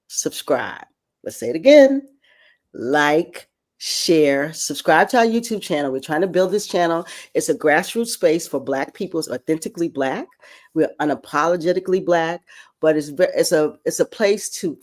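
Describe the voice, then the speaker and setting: Low-voiced energetic woman hosting a talk show. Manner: energetic, emphatic promoter. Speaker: radio show host.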